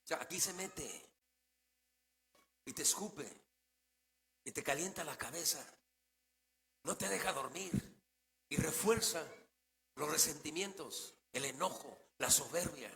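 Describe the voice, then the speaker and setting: A pastor preaches in a high, bright, tense voice, firing rhetorical questions at his congregation and answering them himself. He drops to quiet asides and then rises to loud declarations. The sound rings with the long reverb of a church hall. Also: animated, a little slow, creaky, pauses often. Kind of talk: sermon. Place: church sanctuary.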